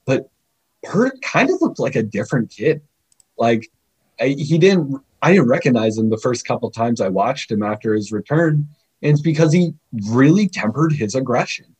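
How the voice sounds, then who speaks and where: Man, podcast guest; husky, middle pitch, animated and chatty. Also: moderate pace, rough recording. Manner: animated, laughs often, chatty. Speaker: scouting guest. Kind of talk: podcast interview.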